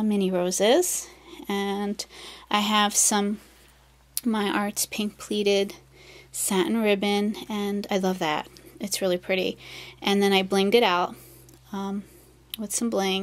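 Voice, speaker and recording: A woman crafter chatting through her projects in a casual show-and-tell, gushing and soft-spoken, with many fillers. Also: mid-range voice. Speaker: craft vlogger.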